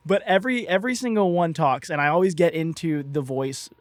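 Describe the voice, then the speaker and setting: A man's voice: a little high, fairly quick, no room sound, clean studio sound. A man chatting on a podcast as a guest dungeon master, laughing often and downplaying himself. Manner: laughing often, self-deprecating. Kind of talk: casual podcast chat.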